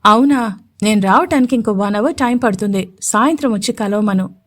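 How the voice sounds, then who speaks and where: A woman's voice: mid-range voice, brisk, natural voice. A woman voicing a playful, teasing young male CEO who keeps pressing his sweetheart, insistent and mischievous. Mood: serious.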